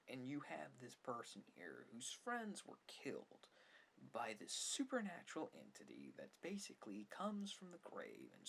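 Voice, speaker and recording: This film commentator and video host has a fairly low, creaky voice and delivers an ASMR-style opinion monologue about movies. His complaints are sarcastic and emphatic, with moments where he drops toward a whisper, over faint background noise.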